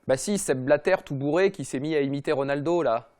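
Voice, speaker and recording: Fast-ranting mocking man. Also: a little high, a little mellow. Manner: mocking, slangy, rapid-fire. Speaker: comedy football podcast host. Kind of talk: fast comic rant.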